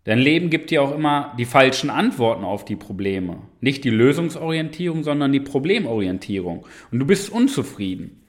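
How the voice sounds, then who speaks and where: Male self-help coach, direct-address monologue, emphatic, animated intonation. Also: medium pitch, normal speed. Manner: emphatic, addresses listener directly, frequent rhetorical "ja?". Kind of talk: motivational monologue.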